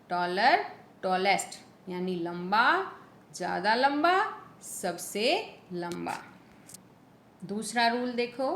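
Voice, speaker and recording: A woman teacher giving a grammar lesson, asking questions and answering them herself, repeating key points. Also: a bit bright. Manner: slow, repetitive, asks and answers her own questions. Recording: echoey room with faint rumble.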